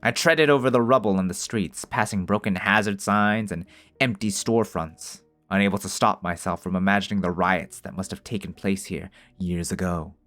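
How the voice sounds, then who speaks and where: A man with a fairly low voice reads a visual novel aloud in first person. He breaks off now and then into joking, profane commentary. Soft music plays behind him. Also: normal speed. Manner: swears freely, jokes between narrated lines. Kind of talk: story narration mixed with casual commentary.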